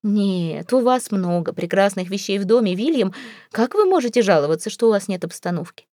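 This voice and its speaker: A woman's voice: mid-range voice, animated, a little fast, mellow, no echo, clean studio sound, close to an everyday voice. A woman voicing a feeble, tearful older mother-in-law in an audiobook, speaking in a plaintive, sighing way. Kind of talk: audiobook character reading.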